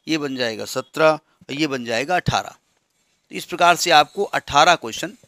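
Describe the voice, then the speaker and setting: This classroom lesson on textbook changes features a man teaching maths with a bright, rather high voice. He works through question numbers at a steady count and regularly makes sure the class follows, recorded close and dry with no echo.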